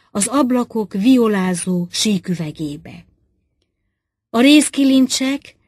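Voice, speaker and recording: A woman narrating a literary short story as an audiobook reader, measured and expressive. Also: mid-range voice, dry recording.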